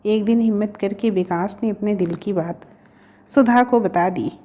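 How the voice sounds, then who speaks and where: A woman narrating a romantic story in a steady storytelling tone. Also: mid-range voice, measured pace.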